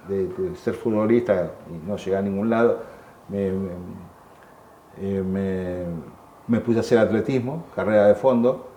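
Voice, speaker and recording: A man in his sixties with an Argentine accent gives halting personal testimony, often repeating words and acting out the voices of people he quotes. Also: on the low side, dark tone. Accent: Argentine Spanish. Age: 60s. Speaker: war veteran interviewee. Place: museum room. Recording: echoey room with faint background hum.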